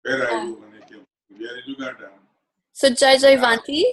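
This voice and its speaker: A woman's voice: fairly high pitch, very animated, drawn-out words, fairly bright tone. A woman from Romania hosting an online coaching session over a video call, upbeat and chatty as she greets each guest by name. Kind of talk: casual video-call welcome and introduction.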